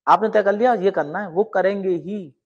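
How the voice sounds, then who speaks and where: A middle-aged man coaching law exam students with an earnest, emphatic motivational talk that swings between emphatic rises and quiet asides. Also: high-pitched, normal speed, highs cut off.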